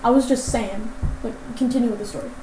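A woman's voice: on the high side, fairly even intonation, over a noisy crowd, poor audio. A woman co-hosting a podcast, bantering casually, teasing and jumping in with jokes. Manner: teasing, quick to jump in and joke.

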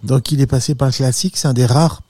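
A man's voice: mid-range voice, steady tone, fast talker, mellow, no room sound. A man with a French accent chatting casually as a musician guest, enthusiastic, slangy and rambling. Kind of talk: casual chat.

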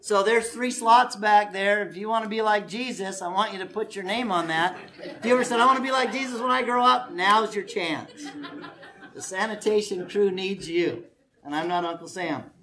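A man's voice: sits high, moderate pace, sharp tone. A man preaching and giving camp announcements to a congregation in a meeting hall, joking with the audience as he coaxes them to volunteer. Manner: folksy, joking, coaxing the crowd to volunteer. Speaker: pastor leading a family camp.

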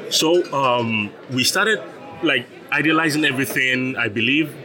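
A young Ghanaian man, a startup founder, explains his business as an interview guest in an unhurried, mid-range voice. He's patient, laughs often and repeats words, with a crowd audible behind him.

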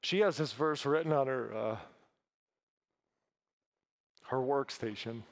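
A man giving an earnest, emotional conference talk about his ministry, halting often with fillers. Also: mid-range voice. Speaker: ministry speaker.

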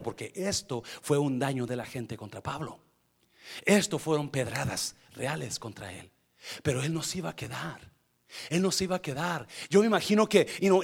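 A man preaching a sermon in Spanish to his congregation, slipping English phrases in and swinging between hushed, intimate talk and loud, shouted passages. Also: on the high side, vocal fry, breathy edge. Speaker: pastor.

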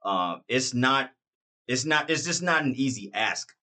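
A man's voice: medium pitch, lively intonation, a little slow, pushed and bright. A man interviewing a former player, rambling and enthusiastic, with many restarts. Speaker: interviewer and radio commentator. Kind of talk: casual interview.

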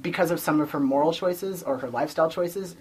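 A woman's voice: low-pitched, fast talker, darkish tone, slightly rough. A woman chatting casually about a comic series, full of "like" and "kind of". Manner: chatty, says "like" and "kind of" a lot. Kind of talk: casual book discussion.

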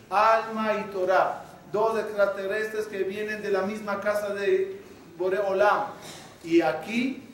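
A man, a rabbi, telling a story in a sermon, acting out the dialogue with lively energy. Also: high-pitched. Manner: animated storytelling, acts out dialogue. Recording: echoey room from a distant mic, faint noise.

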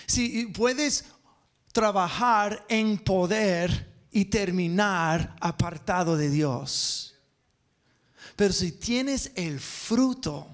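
A man preaching a sermon to a church congregation, moving between quick bursts and slow, stressed phrases. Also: sits high.

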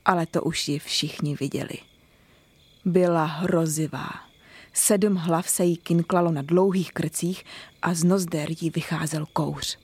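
A woman narrating a children's story in an even, clear storytelling manner. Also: low-pitched.

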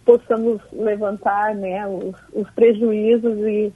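Woman, mayor, crackly cordless phone sound, husky voice, tinny line. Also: medium pitch, little pitch movement. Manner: halting, repeats words. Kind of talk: phone interview.

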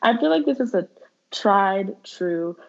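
Woman co-host, casual excited chat, a little muffled. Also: medium pitch, unhurried, vocal fry. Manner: excited, swears casually, laughs often. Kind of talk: casual chat reviewing a TV show.

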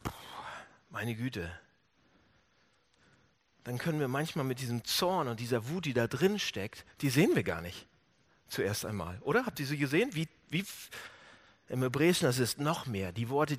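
Guy preaching, lively and bright, acts out the voices he quotes, goes big then drops low. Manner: animated, acts out quoted voices with big swings in pitch and loudness. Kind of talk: sermon.

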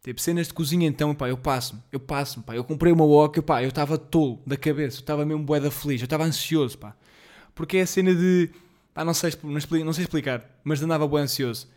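A young man in his twenties speaks with a European Portuguese accent, his voice sitting a little high for a man. He rambles in a loose, slangy solo podcast monologue. He leans on fillers and teases himself as he goes. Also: quick pace, a little mellow. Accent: European Portuguese, Lisbon slang. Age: 20s. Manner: rambling, slangy, self-deprecating, many fillers; apologetic about being jittery and off rhythm. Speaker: podcast host.

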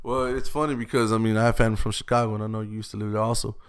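A man's voice: fairly low pitch, flat delivery, racing, smooth. A man from Austin, talking earnestly and at length as an interview guest, with frequent restarts. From Austin, Texas. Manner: earnest, heartfelt, rambling with restarts. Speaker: guest, youth gang-prevention worker. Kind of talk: casual conversational interview.

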